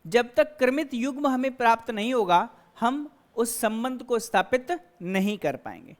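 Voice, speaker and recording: A woman with a fairly high voice teaches a math lesson. She explains each step slowly and keeps asking her own questions, then answering them. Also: expressive. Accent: Hindi-speaking Indian. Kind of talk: classroom lecture.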